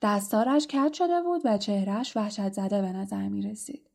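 Mellow woman reading an audiobook. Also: medium pitch, vocal fry. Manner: expressive storytelling, dropping to a hush in tense moments. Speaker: audiobook reader. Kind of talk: audiobook narration.

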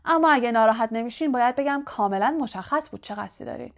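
Woman doing a boastful male wizard teacher, storybook voice, raised pitch, loud and showy, pleased with himself. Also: expressive. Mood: flustered bragging. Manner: showy, self-satisfied, grandly projected. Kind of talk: audiobook character voice.

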